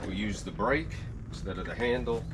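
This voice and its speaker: This man's fairly low, animated voice comes at a moderate pace through heavy background noise. Talking to viewers while he works, he casually shows off gardening equipment in a chatty, folksy manner.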